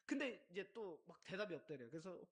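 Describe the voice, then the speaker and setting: Lively, quick-talking male preacher. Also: high-pitched. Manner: lively storytelling, asks questions of the congregation. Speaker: pastor. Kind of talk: sermon. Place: church service.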